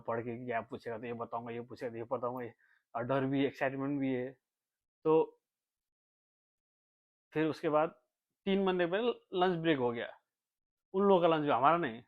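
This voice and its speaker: A young man from Nepal telling a long, rambling story in a casual vlog, repeating himself and dropping his voice when he quotes others. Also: medium pitch. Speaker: vlogger. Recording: tinny phone-like sound.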